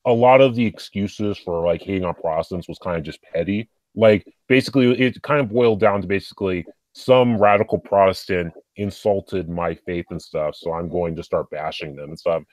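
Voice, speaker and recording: A man's voice: deep voice, moderate pace, hardly any pauses, a little mellow, no echo. A man speaking as a podcast guest, rambling casually with lots of fillers like "and stuff.".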